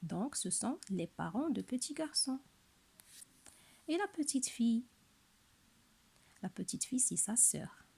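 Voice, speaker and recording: Slow, husky French-speaking teacher woman. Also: a little high, big pitch swings, warm tone. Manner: slow, careful, repeats each word twice. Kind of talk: recorded lesson for young pupils.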